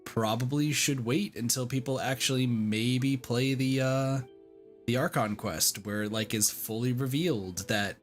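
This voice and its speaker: A streamer chats on a livestream while playing, speaking at a measured pace in a mid-range voice as game music plays behind. The talk is casual but blunt and full of swearing, wandering and repeating itself, and "like" turns up again and again.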